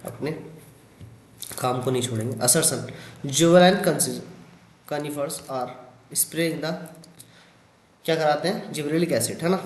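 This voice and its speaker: A Hindi-speaking man with a slightly high voice teaches biology, walking through exam questions in a lecture held in an echoey room with a little hiss or hum. He calls his students "beta" and often checks in with "thik hai" and "hai na".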